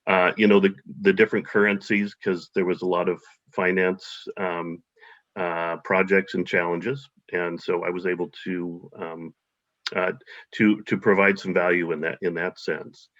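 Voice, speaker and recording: Speaking at a measured pace with little pitch movement, an American man uses a low, slightly bright voice as a guest in a casual interview. He is hesitant, with many fillers and restarts, and the audio is dull lo-fi.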